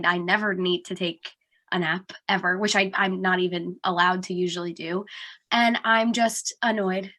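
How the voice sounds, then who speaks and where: Telling a story on a laid-back podcast she co-hosts, a young New Jersey woman uses "like" constantly and sounds stuffed up. Her medium-pitched voice is bright, with a forceful tone.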